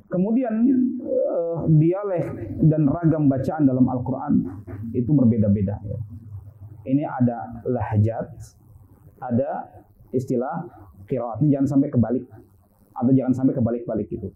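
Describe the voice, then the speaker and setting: A man's voice: medium pitch, slight background noise. Man teaching over a tinny line. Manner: casual explanatory, many fillers and rhetorical questions. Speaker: Islamic studies teacher. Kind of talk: religious lecture on Quran sciences.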